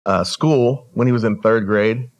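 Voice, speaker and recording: A man born in El Salvador, a podcast guest telling his family's story in an earnest, measured way. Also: lowish voice, highs cut off. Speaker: guest, regional director. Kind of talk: storytelling interview.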